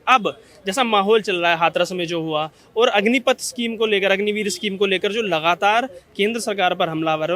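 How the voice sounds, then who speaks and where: A man's voice: sits high, fairly bright tone. A male interviewer putting long, listing political questions to people in a street interview.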